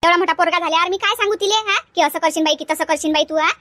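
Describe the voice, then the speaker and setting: A woman playing a village mother who scolds her family with rapid rhetorical questions. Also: extremely high pitch, bright, forceful tone, dry recording. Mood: scolding. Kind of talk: comedy skit acting.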